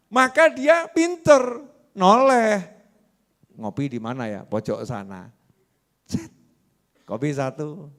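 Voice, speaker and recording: A man with a Javanese accent delivers a sermon in a mosque. His voice sits a little high and swings widely in pitch. He keeps tossing questions to the congregation and waits for their answers. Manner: lively, asks the congregation questions. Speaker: preacher.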